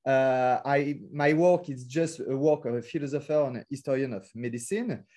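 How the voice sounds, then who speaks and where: A French-accented philosopher lectures in an academic webinar heard through a video call. His mid-range voice is darkish and moves at a normal speed, and his careful non-native English is full of hesitations and fillers.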